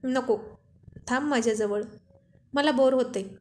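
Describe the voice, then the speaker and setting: A woman's voice: high-pitched, unhurried, a little mellow. A woman voicing a playful young husband who teases his wife affectionately, in a storybook reading. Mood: teasing. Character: loving, teasing young husband.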